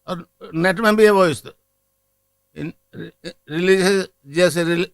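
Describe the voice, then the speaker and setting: Gravelly high-pitched guru. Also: male voice, takes it slowly. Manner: digressive, teaching, chants a mantra. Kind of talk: spiritual discourse to a live gathering.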